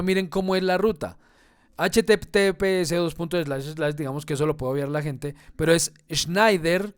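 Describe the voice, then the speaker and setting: A man's voice: fairly high pitch, clear, resonant tone. A man who teaches an online class. He explains step by step and keeps checking in with his students. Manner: explanatory, talks to students, asks "¿sí?" and "¿no?" often. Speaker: instructor.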